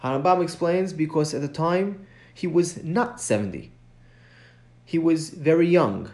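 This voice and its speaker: In this recorded study session, a Mishnah teacher with a slightly high, slightly mellow voice and lively intonation explains the text one step at a time. He chants the source passages rapidly, keeps asking "right?", and lifts his voice to underline important points.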